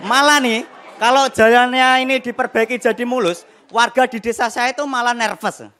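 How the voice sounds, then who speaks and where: A young man performing a stand-up comedy set on a TV studio stage, telling animated stories with acted-out voices and sound effects. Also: very high-pitched, normal speed. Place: television studio stage with live audience. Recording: noisy broadcast with loud crowd laughter. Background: audience laughter.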